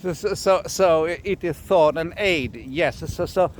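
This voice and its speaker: Halting man explaining runes. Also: on the high side, slight background noise. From Scandinavia. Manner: halting, repeats words, laughs often. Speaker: runologist teacher. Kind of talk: casual explanatory lesson.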